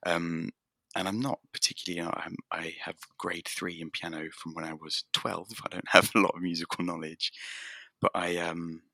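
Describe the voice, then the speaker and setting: A man's voice: low-pitched, flat delivery, normal speed, sharp tone, no echo, studio quality. A man talking as a podcast guest about making his game, rambling and self-deprecating with lots of restarts. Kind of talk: casual conversation.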